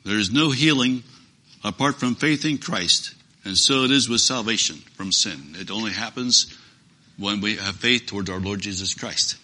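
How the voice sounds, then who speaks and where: A man's voice: fairly low pitch, normal speed, sharp tone. A man preaching a sermon, earnest and emphatic, repeating phrases for stress.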